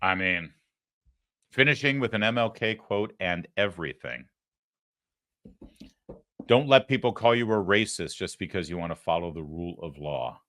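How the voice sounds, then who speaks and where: An American man hosting political commentary, speaking emphatically, pausing for weight and posing rhetorical questions. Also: low voice, expressive, bright, forceful tone.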